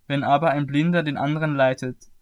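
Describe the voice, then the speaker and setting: A man reading as a calm, authoritative teacher. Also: a little high, fairly quick, lo-fi sound, close to an everyday voice. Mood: stern. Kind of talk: scripted scripture reading.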